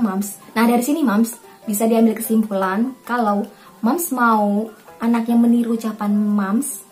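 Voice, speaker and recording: A young Indonesian woman talks mothers through her method in a relaxed, repetitive way, often calling them Mams. Her voice sits a little high. Soft music plays quietly underneath. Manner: warm, repetitive, addresses viewers as Mams. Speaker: parenting channel host, mother. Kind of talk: casual tutorial talk to mothers.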